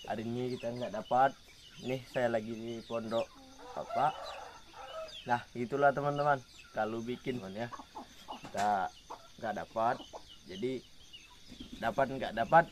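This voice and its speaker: A man's voice: mid-range voice, unhurried, long pauses. Give me a chatty male vlogger in a rural hut with roosters clucking nearby. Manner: chatty, addresses viewers as friends, repeats himself. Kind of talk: casual vlog talk to viewers. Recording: noisy outdoor audio with roosters clucking.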